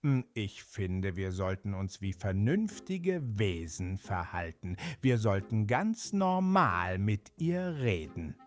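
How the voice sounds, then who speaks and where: A man voicing a calm, sensible stag who speaks in a slow, measured way. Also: on the low side, faint music behind.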